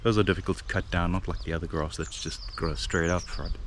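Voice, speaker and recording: Brisk and steady in tone, a man with a low voice films a casual vlog outdoors on his South African farmland. His talk meanders, full of fillers and false starts, over a noisy background.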